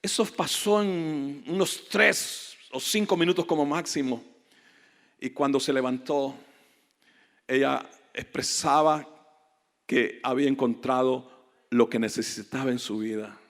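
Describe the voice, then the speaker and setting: A man preaching a fervent sermon as a guest pastor, rising to loud emphatic peaks. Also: mid-range voice, fairly even intonation, measured pace. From Latin America. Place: church hall. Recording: echoey church hall reverb.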